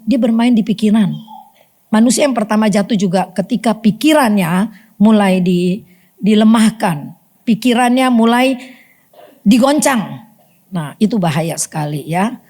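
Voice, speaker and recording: A middle-aged woman giving a personal testimony at a church fellowship meeting, telling her story in an animated way with emphatic outbursts. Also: medium pitch.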